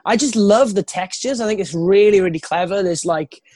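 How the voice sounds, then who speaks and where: A man's voice: high voice, normal speed, a little mellow, dry recording, studio quality. A man talking over a phone line as a radio show guest, chatting casually and rambling with lots of "like" and "um". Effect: heard over a phone line. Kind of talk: casual chat.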